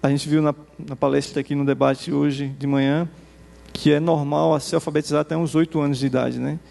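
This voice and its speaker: A Brazilian Portuguese-accented man giving a conversational conference presentation to teachers. He demos software and tags nearly every phrase with a quick "né?". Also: fairly high pitch, flat delivery, gravelly. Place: conference hall. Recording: reverberant hall.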